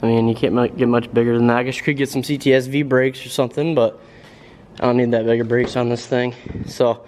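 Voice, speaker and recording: A young man, a car vlogger, rambles casually through his car work in a laid-back garage vlog full of fillers, sounding out of breath. His mid-range voice is level, quick and a little mellow. The low-quality recording carries some hiss or hum and moves from the garage beside the car to windy outdoors.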